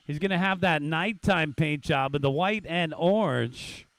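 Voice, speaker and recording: A man's voice: a little high, measured pace, fairly bright tone, dry recording. A man giving live race commentary in a casual, chatty, exclaiming way as the announcer at a track.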